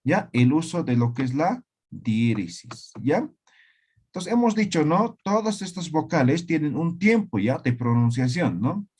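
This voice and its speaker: A man teaching a language class online, slowly repeating words and often checking that students follow. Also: on the high side, big pitch swings, darkish tone, slightly rough.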